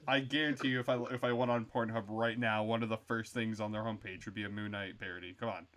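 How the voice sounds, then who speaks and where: A man's voice: lowish voice, fairly even intonation, fast, crowd noise. Rambling, swearing young-sounding man. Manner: rambling, filler-heavy, swears freely. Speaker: co-host reviewing a TV show. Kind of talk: casual chat.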